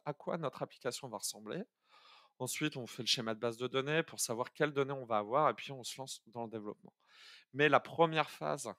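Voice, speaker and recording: A man walks viewers through an algorithm on a live coding stream. He talks casually, stops and restarts his sentences, fills gaps with hesitations and thinks out loud as he goes. His voice sits in a middle pitch and sounds dry and close to the mic. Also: no room sound. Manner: chatty and hesitant, many fillers and restarts, thinks aloud.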